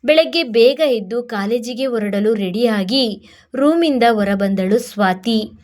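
Woman storyteller, steady flowing read, slightly high voice. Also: measured pace. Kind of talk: scripted story narration.

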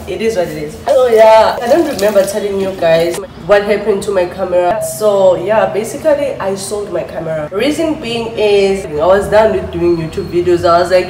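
A woman's voice: medium pitch, a little mellow, a little hiss or hum. Chatty young woman vlogging, roomy echo. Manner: chatty, self-mocking, swears freely. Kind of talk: casual chat to camera. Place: hostel room and bathroom.

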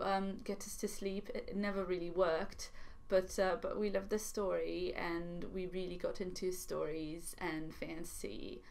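A young woman from France, a native French speaker, chatting animatedly to camera about books, with frequent ums, in a small living room. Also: medium pitch. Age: young adult. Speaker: book vlogger. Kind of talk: casual chat to camera.

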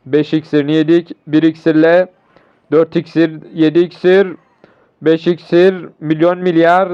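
Hoarse young man, gaming commentary, excitable and swearing, slightly high voice, smooth tone, dull lo-fi sound. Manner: excitable, swearing, talks to viewers mid-match. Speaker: gaming YouTuber. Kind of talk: live mobile game commentary. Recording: dull lo-fi recording.

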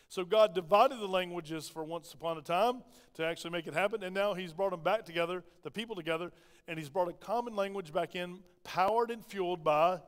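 A man's voice: sits high, clear, resonant tone. Man, Southern American accent, pastor, conversational sermon, rhetorical questions, echoing church hall. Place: church sanctuary. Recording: long reverb of a church hall.

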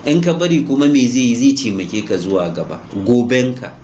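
A man's voice: mid-range voice, very animated, fairly quick, mellow, muffled recording. A man from Nigeria with a Hausa accent giving informal, emphatic commentary, mixing languages and exhorting listeners with rhetorical questions. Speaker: online crypto commentator. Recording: noisy amateur recording with background ambience.

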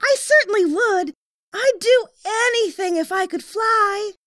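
A woman's voice: very high-pitched, a little slow, a bit bright, no room sound, studio quality, voice pushed up. A woman voicing an eager, kind-hearted little boy in a storybook, earnest and wide-eyed. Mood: excited, dreamy.

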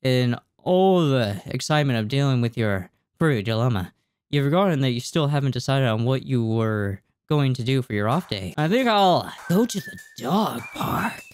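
Here a twenties-aged video game streamer has a smooth, sing-song voice at medium pitch and a moderate pace, recorded with no echo. He reads game dialogue out loud and reacts casually, stumbling a bit at times. The setting is a small indoor gaming setup, with a close desk mic, a headset, and game music playing.

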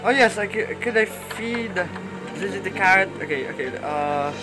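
A young man with a slightly high voice talks his way through a horror game in a jittery, panicky let's-play commentary. He keeps fretting aloud and repeating himself. Loud game music plays behind him. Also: lively intonation, moderate pace, low-quality recording. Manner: nervous, panicky, repeats "oh no" over and over. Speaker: gaming YouTuber.

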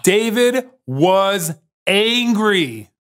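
A man's voice: high voice, big pitch swings, extremely slow, heavy background noise. A young man hosting as narrator, telling a scripted story for children. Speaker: narrator host. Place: studio.

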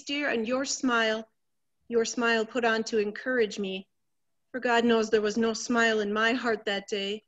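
A woman plays a vain, anxious middle-aged wife who frets about herself, her high voice melodramatic, fluttery and packed with exclamations like a theatrical stage comedy. Her tone is natural and fairly bright.

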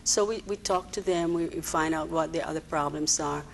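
A woman, an agency director answering TV interview questions in a halting way with many fillers. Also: sits low, gravelly, a little hiss or hum, low-quality recording. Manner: hesitant, many fillers and restarts. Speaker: executive director of a social services agency, interview guest. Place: TV studio.

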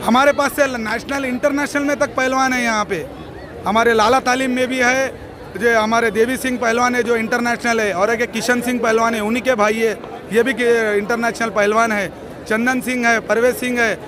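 A middle-aged man, a wrestling organizer giving a loud, pleading press statement into news mics, repeating phrases for emphasis. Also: very high-pitched, flat delivery, moderate pace. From Hyderabad, India. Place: outdoor stadium at night, wrestling crowd. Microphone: cluster of handheld news mics. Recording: outdoor event with loud crowd.

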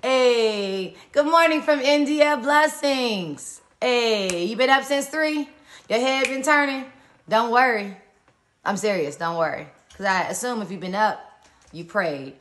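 A woman's voice: fairly high pitch, animated, a little slow, fairly bright tone. A woman hosting a live-stream morning encouragement, colloquial and preacherly as she greets viewers by where they are.

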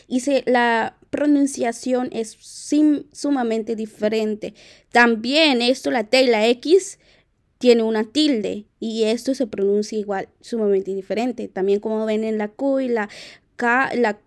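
A young woman, a native Q'anjob'al speaker, giving a casual, friendly language tutorial, often halting and correcting herself. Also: on the high side. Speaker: language teacher on video.

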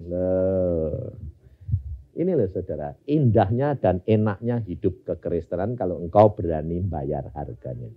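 Animated preacher man. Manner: animated, swinging between loud emphasis and low murmurs; asks the congregation rhetorical questions. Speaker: pastor. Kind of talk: storytelling sermon.

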